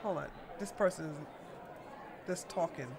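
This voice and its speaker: A woman runs a casual livestream, chatting with viewers and reading their messages at a moderate pace. Her voice is gravelly, and she greets people with loud, high exclamations, laughing often as she teases her chat while some chatter goes on behind her.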